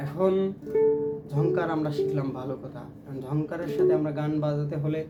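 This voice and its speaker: This ukulele lesson comes from a man with a steady tone and a voice on the high side, speaking fairly quickly. He explains strums, counting and chanting rhythm syllables aloud as he plays, over loud plucked strings with loud music behind his voice.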